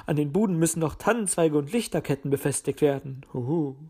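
A woman's voice: low voice, animated, fairly quick, a little mellow, breathy edge. A woman voicing a kindly old male owl who hoots between his words. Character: kindly elderly male eagle-owl uncle, hooting.

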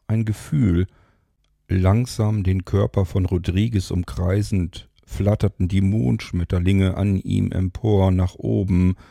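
A man narrating a story in a slow, measured storytelling manner. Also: low voice, creaky, warm tone, no echo, clean studio sound. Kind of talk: storybook reading.

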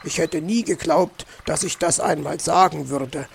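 A man's voice: on the high side, measured pace, gravelly, a little hiss or hum. A man voicing a grumpy, stingy male fox uncle in a children's audiobook, talking in an indignant grumble. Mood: grumbling.

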